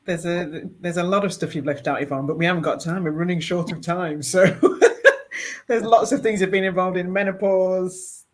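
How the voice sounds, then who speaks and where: A woman's voice: on the low side, steady tone, moderate pace. A woman hosting a casual talk show, laughing and telling loose stories. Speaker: host. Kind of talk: casual chat.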